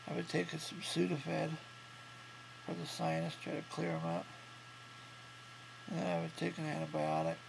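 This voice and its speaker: A man in his thirties talking casually in a low-key, halting way to a video diary, congested and swollen-mouthed after surgery. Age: 30s. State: congested, can't breathe through nose. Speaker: vlogger recovering from jaw surgery. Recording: clearly noisy home recording with hum.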